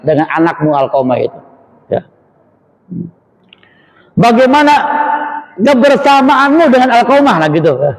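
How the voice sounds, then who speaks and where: A man preaches in a fairly high voice. He tells the story in casual, homely speech, pausing to translate each Arabic line. His voice rings out with a long reverb from the hall. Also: a little mellow. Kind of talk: sermon.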